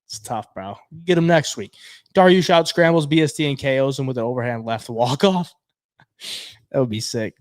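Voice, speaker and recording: A man hosts an MMA betting podcast, chatting casually with viewers and reading their comments in a laid-back, slangy style, saying "bro" a lot. His medium-pitched voice has lively intonation and normal speed but sounds stuffy because he's losing it. The recording is dry and studio-clean.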